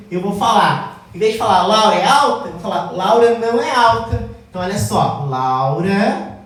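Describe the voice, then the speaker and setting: A woman teacher explaining logic at a whiteboard, often checking in with the class and slowing down to stress key terms. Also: medium pitch. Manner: addresses class as "gente", checks with "tá?"; slows down to stress key words. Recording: very echoey room, mic far off.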